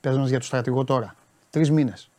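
A man's voice: mid-range voice, mellow. A man talking football on a live stream, animatedly answering and scolding viewers' messages.

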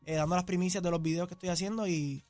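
A quick, high-voiced young man, talking as a guest on the radio. He is playful and jokes as he speaks, and faint music plays underneath. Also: steady tone, a little mellow, no echo. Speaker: salsa singer guest. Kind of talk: casual radio interview.

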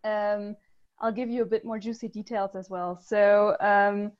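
A woman's voice: mid-range voice, level tone, unhurried, lo-fi sound. A woman from Germany, a guest on a podcast interview, talking thoughtfully with many ums and restarts. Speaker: guest, user research lead.

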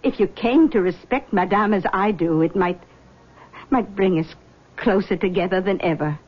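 A woman playing a middle-aged, genteel mother in a drama, soothing and measured, with a subtly manipulative, coaxing manner. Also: mid-range voice, muffled recording, close to an everyday voice. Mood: persuasive. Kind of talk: scripted drama acting.

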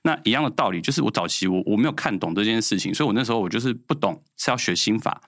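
A man's voice: fairly low pitch, racing, no echo, clean studio sound. A man in his thirties with a Taiwanese Mandarin accent, a guest telling sales stories in casual chat and acting out what others said. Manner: animated, acts out quoted dialogue.

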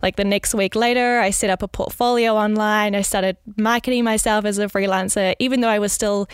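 A young woman with a New Zealand accent talks casually and candidly, peppering her answers with "like". Her voice is smooth and clear. The recording is dry, with no room sound. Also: mid-range voice, fairly even intonation, brisk, no echo. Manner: chatty, candid, frequent "like" fillers, light laughs. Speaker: designer and freelancer, guest.

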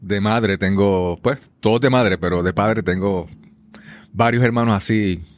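Low-voiced male interviewer. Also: unhurried, dry recording. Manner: friendly, frequent affirmations like ok. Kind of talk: conversational interview.

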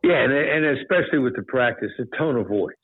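A man's voice: medium pitch, brisk, no room sound. Man on a tinny phone-like line. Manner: relaxed, repeats "you know", animated when quoting others. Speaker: guest, former hostage negotiator. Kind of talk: casual storytelling in a podcast chat.

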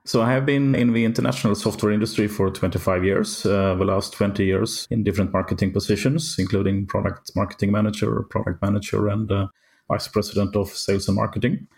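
A middle-aged man from Sweden answers interview questions in a measured, explanatory way. His Swedish accent colours his English. His voice sits low. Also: creaky, darkish tone. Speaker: guest.

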